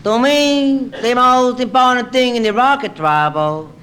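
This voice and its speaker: A man playing a bumbling, literal-minded would-be astronaut who misunderstands every question, in a slow deadpan comedy-sketch delivery. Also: very high voice, a little hiss or hum. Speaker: comic interviewee. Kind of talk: stand-up comedy interview sketch.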